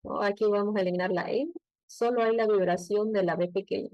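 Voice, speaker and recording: A woman with a Bolivian Spanish accent, teaching an English pronunciation lesson and slowing down to model phrases. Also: medium pitch, steady tone, darkish tone, no room sound, poor audio. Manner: explains patiently, slows down to model English phrases.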